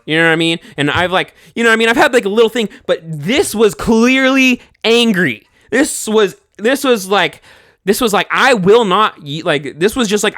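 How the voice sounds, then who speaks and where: Animated young man telling a scary story. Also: high-pitched, no echo, clean studio sound. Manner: animated, swearing, many fillers and restarts. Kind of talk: casual spoken storytelling.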